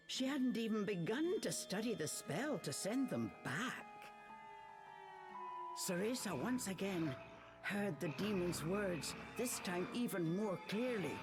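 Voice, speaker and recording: A woman narrating a storybook game tale in a slow, measured, dramatic way. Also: medium pitch. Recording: game audio with music behind. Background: music.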